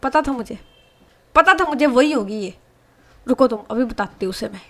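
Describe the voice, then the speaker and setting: A woman's voice: on the high side, animated, moderate pace, fairly bright tone. A woman voicing a young woman who firmly scolds and questions her partner. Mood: scolding.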